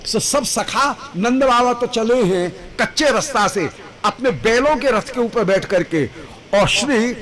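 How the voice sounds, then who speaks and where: A male devotional storyteller preaching a sermon, chanting Sanskrit verses with drawn-out, emotive phrasing. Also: very high voice, lively intonation, a bit bright, poor audio.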